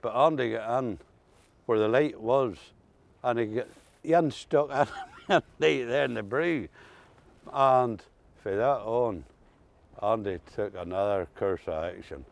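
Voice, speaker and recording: Gravelly and measured, a mid-range older male voice carries an Ulster Scots accent as he reminisces in a relaxed chat. Being interviewed, he shares folksy, dialect-rich tales of old rural life.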